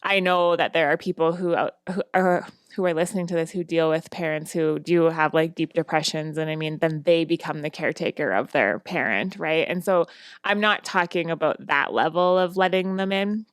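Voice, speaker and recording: A woman talks casually on a podcast, her voice sitting a little low. She chats freely, filling her sentences with "like" and laughing often. The sound is dry and close, with no room around it. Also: normal speed, clear, resonant tone, no echo. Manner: chatty, many "like"s and frequent laughs. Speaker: podcast co-host.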